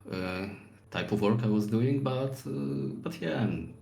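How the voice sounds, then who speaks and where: A man's voice: mid-range voice, unhurried, creaky, dark tone, echoey room, rough recording. A man in his forties from Poland with a Polish accent, easygoing and searching for words as a guest in a casual podcast interview. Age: 40s. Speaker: guest artist.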